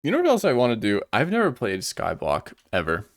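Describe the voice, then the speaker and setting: A man's voice: medium pitch, huge pitch swings, fairly quick, a little hiss or hum. A young man streaming a game, chatting casually and sleepily, rambling and thinking aloud with lots of fillers. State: sleepy, yawning. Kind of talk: casual livestream gameplay chat.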